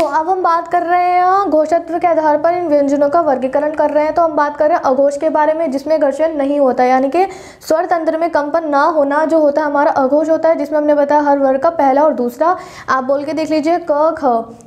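A woman's voice: high voice, fairly even intonation, a little fast, a little mellow. A young woman giving a Hindi grammar lesson, reciting the consonants one by one and explaining each point step by step, correcting her own slips as she goes. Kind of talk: classroom lecture.

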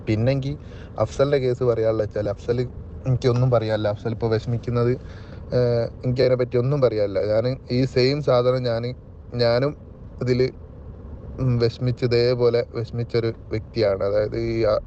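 A young man with a Malabar Malayalam accent leaving an informal voice message, explaining his side in a halting, repetitive, rambling way. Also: mid-range voice, flat delivery, warm tone. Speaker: ex-fiancé giving his side of a story. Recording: dull lo-fi voice note, clear outdoor noise.

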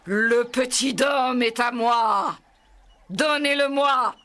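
A woman voicing a ferocious male tiger who makes slow, roaring threats in a storybook reading. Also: on the high side, bright, forceful tone, voice pushed up, exaggerated voice.

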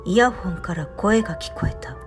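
A woman reading a scripted first-person ghost story in a hushed, eerie storytelling manner. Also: medium pitch, moderate pace. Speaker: horror story narrator. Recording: music and rain under the voice. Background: music, rain.

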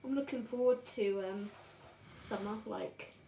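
A woman's voice: medium pitch, unhurried, creaky, dark tone. A woman in her thirties chatting casually and giggling as she colours during a livestream and greets viewers by name. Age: 30s. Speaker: livestream host colouring on camera. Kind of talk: casual chat while colouring. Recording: roomy home room with faint noise.

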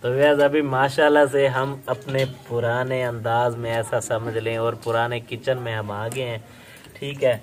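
A young man from Pakistan hosts a casual village vlog outdoors, chatting with his viewers and laughing often. He keeps saying "okay." His voice is medium in pitch with little pitch movement, and he speaks unhurriedly.

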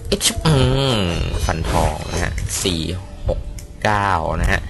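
A man giving casual let's-play commentary, excitable, swearing at enemies and talking to himself. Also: sits low, slow, background noise. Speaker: gameplay commentator. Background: game music.

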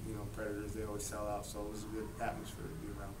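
A young adult man, a football quarterback, answering postgame questions in a relaxed way with many fillers and restarts. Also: lowish voice, rapid-fire. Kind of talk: postgame press conference answers. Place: press room in front of a sponsor backdrop. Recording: roomy, distant, noisy press room.

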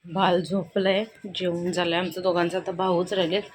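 A woman's voice: lowish voice, little pitch movement, normal speed. Chatty young Marathi mother vlogging. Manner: chatty, narrates chores as she goes. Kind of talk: casual home vlog narration. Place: home kitchen. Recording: loud background noise at home.

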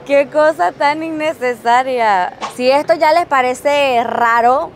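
A chatty, excitable woman gives casual vlog commentary, her voice sitting a little high. She laughs often as she talks. A busy capsule-toy shop fills the background with loud ambient noise. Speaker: travel vlogger.

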